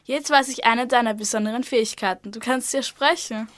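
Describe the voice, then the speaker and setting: A woman's voice: on the high side, fairly quick, a bit bright, lightly acted. A teenage girl voicing an eager female interviewer from a fantasy research institute in a school radio play. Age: teens.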